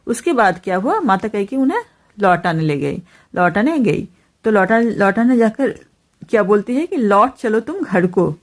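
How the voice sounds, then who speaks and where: A woman teacher explaining a Hindi poem line by line, pausing often with fillers. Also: medium pitch, big pitch swings. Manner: hesitant, many fillers, explains each phrase.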